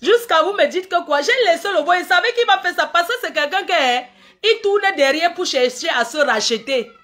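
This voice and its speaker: Woman ranting on a live stream, high voice, argumentative, keeps asking questions. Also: fairly quick. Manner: animated, argumentative, asks rhetorical questions. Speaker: vlogger addressing viewers. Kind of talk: casual live-stream rant.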